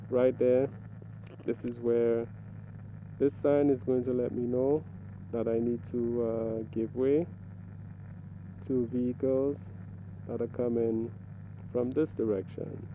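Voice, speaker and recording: A man giving a casual, step-by-step video commentary, explaining things deliberately and pausing mid-sentence. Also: mid-range voice, mellow, slight background noise, rough recording. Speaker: motovlogger reviewing own ride footage.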